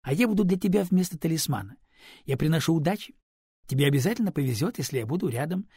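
A man's voice: on the high side, lively intonation, quick pace, warm tone, husky, dry recording, clean studio sound, pitched above the performer's own voice. A man voicing a rude, pushy teenage girl in an audiobook, cheeky and pert. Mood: eager. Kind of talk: audiobook character voice.

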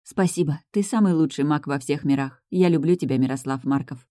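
An audiobook narrator reading a first-person fantasy romance in a calm, measured way on a close studio microphone. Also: mid-range voice, no echo.

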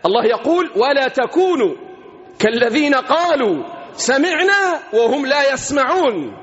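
A man with an Egyptian Arabic accent preaching an Islamic sermon, swinging between hushed and shouted passages. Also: very high voice, big pitch swings, moderate pace. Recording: muffled recording in a reverberant hall.

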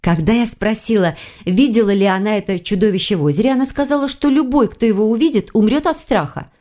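Reading an audiobook, a woman takes on the role of an inquisitive young woman, a touch higher-pitched and livelier than her narrating voice. She talks fast, and her voice sounds natural.

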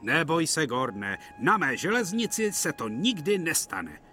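A man's voice: on the high side, sing-song, pushed and bright, pitched above the performer's own voice. A man voicing a stout, kindly male railway boss who speaks in a firm, reassuring way. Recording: clear music behind.

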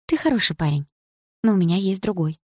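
A woman reading an audiobook, voicing a gentle, frightened young woman student in a soft, pleading voice that rises into cries. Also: mid-range voice, sing-song, fast, slightly rough, no room sound, pitched above the performer's own voice.

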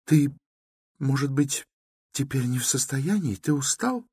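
A man reading an audiobook who voices a proud, quick-tempered young woman speaking softly and earnestly. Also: sits high, huge pitch swings, breathy edge, no room sound, clean studio sound, pitched above the performer's own voice, full character voice. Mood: indignant.

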